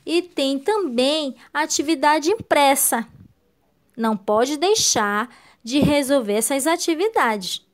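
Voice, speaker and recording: A woman teaching a recorded lesson to young children, slow and encouraging, praising each answer. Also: sits high, animated. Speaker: primary school teacher.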